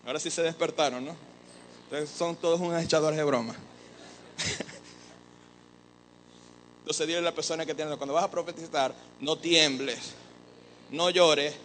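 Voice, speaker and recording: A man preaching a sermon as an apostle, animated and joking with the congregation. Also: a little high, slight background noise, rough recording. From Venezuela. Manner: animated, joking with the congregation, mimics others' voices.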